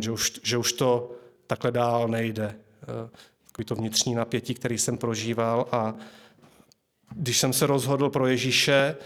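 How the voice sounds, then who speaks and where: A man preaching a sermon, reading scripture aloud in a measured, slow way and then sharing an earnest personal testimony. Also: medium pitch.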